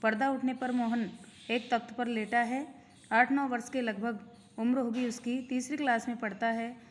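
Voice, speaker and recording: A woman teacher reads a school play aloud, voicing each character's lines and stopping to explain words simply for young students. Her voice is on the high side and steady, at normal speed, with slight background noise.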